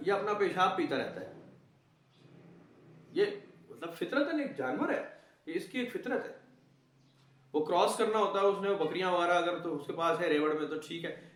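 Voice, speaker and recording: A man teaching a conversational lesson on a chapter of the Quran, talking animatedly, mixing in English words and mimicking people's reactions. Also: high-pitched. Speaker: Quran lecturer. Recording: roomy, distant mic.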